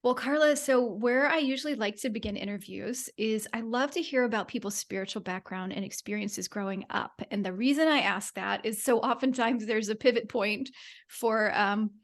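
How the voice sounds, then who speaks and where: A woman's voice: fairly high pitch, normal speed. A woman hosting a podcast, chatting casually and eagerly, gushing over her guest with plenty of fillers. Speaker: podcast host. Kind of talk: enthusiastic interview chat.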